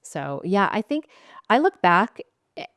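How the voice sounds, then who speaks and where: A woman in her forties from California, a guest talking about her career in a relaxed, chatty way, laughing now and then and using lots of fillers. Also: medium pitch, unhurried, no echo, clean studio sound. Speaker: guest, skincare founder. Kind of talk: casual interview chat.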